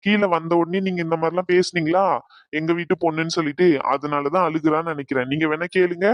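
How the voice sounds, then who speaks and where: A man's voice: a little high, fairly even intonation, fast, no room sound, muffled recording, lightly acted. Man voicing a polite young cartoon guy. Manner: polite, explaining. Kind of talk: cartoon voice acting.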